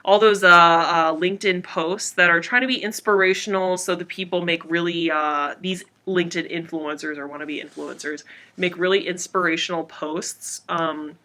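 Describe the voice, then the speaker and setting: A woman with a slightly low, very bright voice talks through a cloth face mask. She chats casually as a podcast co-host, irreverent and sarcastic. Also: steady tone, moderate pace. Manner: irreverent, sarcastic, swears freely. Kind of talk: casual comedic podcast chat.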